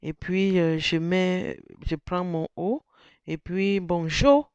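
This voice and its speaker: A presenter walks through a phone setup at a slow, unhurried pace, stopping and restarting as they think aloud. The voice is smooth and clear, recorded dry and close. Now and then they sound out single vowels to show the tones. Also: mid-range voice, level tone, no echo, dull audio. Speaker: tutorial presenter. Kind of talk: step-by-step phone tutorial.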